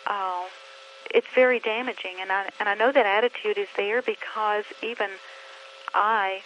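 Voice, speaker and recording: A middle-aged woman with a voice of ordinary pitch for a woman, explaining to parents in an earnest, measured way. She poses a string of questions and pauses now and then to think. A faint noise sits under her voice. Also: fairly even intonation, muffled recording. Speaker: reading teacher trainer. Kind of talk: instructional talk to parents.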